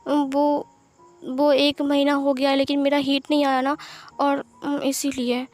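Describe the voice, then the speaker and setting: A woman voicing a shy young man who speaks hesitantly and softly. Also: high voice, monotone, a little slow, faint music behind.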